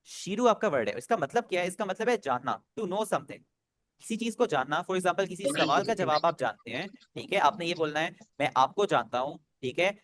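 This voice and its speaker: A man's voice: on the high side, animated, moderate pace, fairly bright tone. A man teaching an online Japanese class, patiently drilling pronunciation over a video call.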